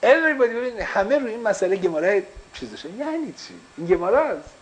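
Male teacher, slightly high voice, questions the class and drops in English phrases. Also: very animated, rough recording. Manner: explains with repeated rhetorical questions; mixes English phrases into Persian. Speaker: religious teacher.

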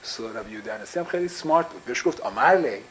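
A man's voice: medium pitch, animated, rough recording. A man teaching a religious text class to a small group. He explains with repeated rhetorical questions and mixes English phrases into his speech.

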